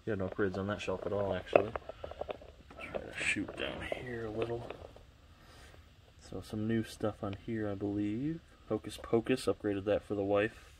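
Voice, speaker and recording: A congested, sniffly man with a deep, low voice tours his collection on his home shelves for a vlog, rambling offhandedly and often stopping to fix what he said. His tone is flat and even and his pace moderate. The tripod-mounted camera picks up background noise.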